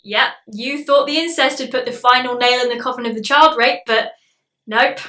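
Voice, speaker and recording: A woman's voice: a little high, normal speed, pushed and bright, echoey room, distant mic. Sarcastic, sweary woman. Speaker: film reviewer. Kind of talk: comedic film review narration.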